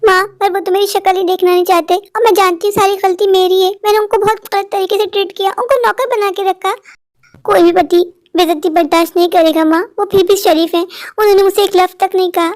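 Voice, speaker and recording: A woman's voice: very high voice, fairly even intonation, fast, a little mellow. A woman voicing a repentant young wife in a cartoon story, pleading and apologetic. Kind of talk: dubbed Hindi cartoon story.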